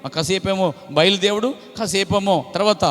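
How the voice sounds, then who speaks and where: A pastor preaches a sermon in a church hall, using emphatic repetition and frequent praise interjections. His voice is high-pitched at a moderate pace, heard over music with long hall reverb.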